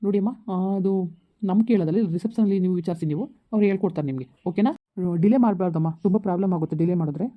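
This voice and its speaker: A man playing a calm hospital doctor who explains things in a reassuring, repetitive way. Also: high voice, rapid-fire, close to an everyday voice. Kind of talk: village comedy skit. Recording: tinny phone-like sound.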